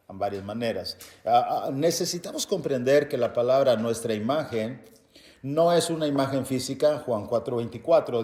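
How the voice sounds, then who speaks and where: A man preaching a Bible-teaching sermon, reading verses aloud and explaining them to his listeners as brothers, with loud emphatic bursts between quieter explanation. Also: medium pitch. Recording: echoey room.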